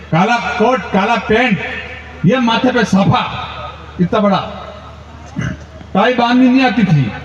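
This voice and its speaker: A man performing stand-up comic storytelling, animated and playing his relatives in squeals. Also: sits high, slight background noise. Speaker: comedian poet. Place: large event stage. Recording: roomy far-off lo-fi stage recording.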